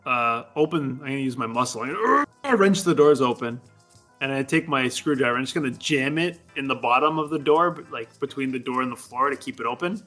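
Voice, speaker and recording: A man's voice: mid-range voice, animated, brisk, pushed and bright, soft background music. A man playing a tabletop game, eagerly describing his moves and laughing at himself. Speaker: player.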